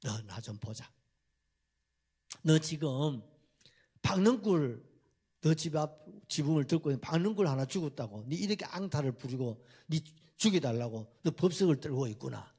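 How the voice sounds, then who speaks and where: A man voicing God as a stern, patient figure who rebukes slowly, with a Gyeongsang accent. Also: fairly high pitch, lively intonation, mellow, breathy edge. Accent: Gyeongsang Korean. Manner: slow, grave, reproving.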